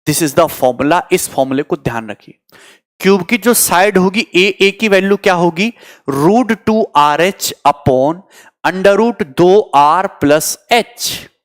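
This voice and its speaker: A man's voice: high-pitched, lively intonation, slow pace. A man teaching maths in a live coaching class, joking with students and mixing English terms into his explanations. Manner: teasing, chatty, answers student comments. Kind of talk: online exam coaching lecture.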